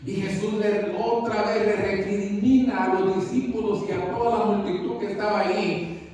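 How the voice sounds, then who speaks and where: Male preacher, high voice, slow fervent delivery, distant mic in a reverberant church hall. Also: steady tone, darkish tone. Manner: fervent, addresses listeners as brother. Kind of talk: sermon.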